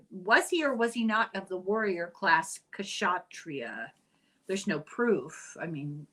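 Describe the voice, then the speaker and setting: A woman's voice: mid-range voice, a bit bright, low-quality recording. An older woman with an Irish accent hosting a casual explainer, chatty and wry with digressive asides. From Ireland. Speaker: host.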